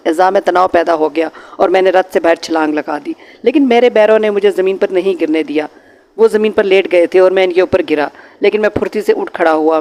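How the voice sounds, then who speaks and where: Male audiobook narrator, high voice, dramatic horror reading. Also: darkish tone.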